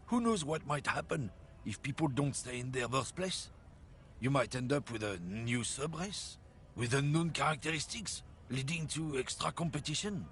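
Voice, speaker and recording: A man's voice: medium pitch, slight background noise. An actor playing a scornful, bigoted middle-aged man who lectures on racial superiority with a heavy, vaguely continental accent. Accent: heavy continental European-sounding accent. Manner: sneering, lecturing, drawn-out swoops.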